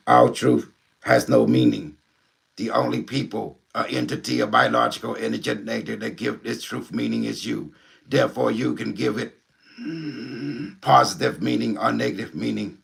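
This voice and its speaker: A man voicing a calm, helpful male robot intelligence from the future, speaking slowly and mechanically, like system announcements. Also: medium pitch, gravelly.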